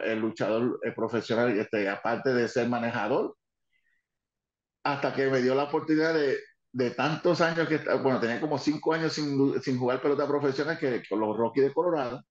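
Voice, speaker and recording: An older man, a former wrestling manager telling lively stories and slipping English phrases into his talk. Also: medium pitch. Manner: lively, mixes in English phrases, many restarts. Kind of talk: animated anecdote telling. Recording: dull, roomy recording.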